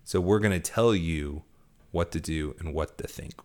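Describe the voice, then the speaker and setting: A tired man hosts his own podcast in an easy, conversational way. He swings between low, loose asides and pointed, insistent rhetorical questions. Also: normal speed, a little mellow. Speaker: podcast host. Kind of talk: casual political commentary.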